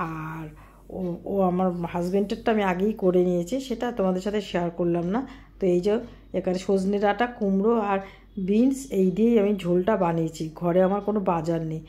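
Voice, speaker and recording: A woman's voice: medium pitch, warm tone. A middle-aged woman, chatting casually to viewers in a home vlog. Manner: chatty, talks to viewers directly. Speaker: vlogger. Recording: roomy echo, faint ambient noise.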